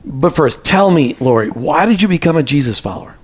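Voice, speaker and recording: A man's voice: a little high, expressive, brisk, slightly rough. A man co-hosting a faith podcast, reading an intro and chatting casually with a teasing, jokey manner. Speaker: podcast co-host.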